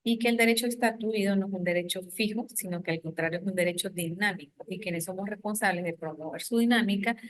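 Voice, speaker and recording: A middle-aged woman law professor giving a recorded online lecture, measured and deliberate, often restarting phrases and checking in with a rhetorical question. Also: medium pitch.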